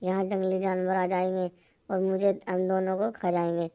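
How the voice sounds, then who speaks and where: एक महिला कार्टून कहानी में एक बूढ़े, डींग मारने वाले और धमकाने वाले जंगल के चोर की आवाज़ सपाट कथा-वाचन अंदाज़ में पढ़ रही है।. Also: female voice, medium pitch, normal speed, smooth, close to an everyday voice. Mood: boastful. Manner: monotone storybook reading. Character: old male forest thief, boastful and threatening.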